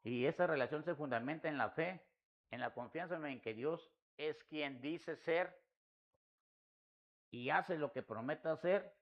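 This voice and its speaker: A man's voice: medium pitch, muffled recording. A man preaching an earnest sermon to a congregation, often calling his listeners "my brother.". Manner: earnest, addresses listeners as "mi hermano".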